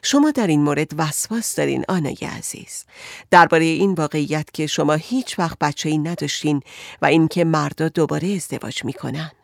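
A woman voicing a patient male doctor who speaks gently and reassuringly to a troubled patient in an audiobook. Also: sits low, gravelly, dry recording, clean studio sound, pitched below the performer's own voice. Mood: soothing.

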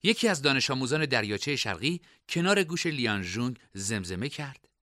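A man narrating a scripted storybook in an expressive reading style. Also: mid-range voice, no room sound, clean studio sound.

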